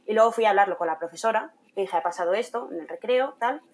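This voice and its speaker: Lively young woman telling a story. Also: medium pitch, fast talker, a little hiss or hum. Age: young adult. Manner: animated, acts out quoted voices, laughs often. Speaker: guest, content creator and trainee teacher. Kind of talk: casual interview storytelling.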